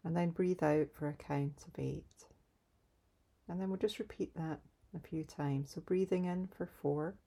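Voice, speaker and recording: A woman leading a calm guided grounding exercise in a soft, soothing, unhurried way, pausing between instructions. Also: sits low, gravelly. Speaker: meditation guide.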